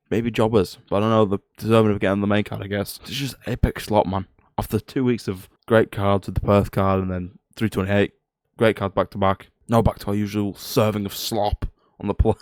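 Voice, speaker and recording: Young roadman guy doing fight picks, talks quick, lowish voice, sweary and fed up. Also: no echo, clean studio sound. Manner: flat, low-energy, grumbling. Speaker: MMA prediction video host. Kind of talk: casual fight commentary.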